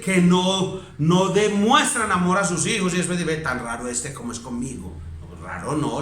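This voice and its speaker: A man's voice: high voice, sharp tone, reverberant, a little hiss or hum. A man with a Colombian accent, a pastor giving a sermon, preaching in a conversational, emphatic way and asking his listeners rhetorical questions. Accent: Colombian Spanish. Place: church.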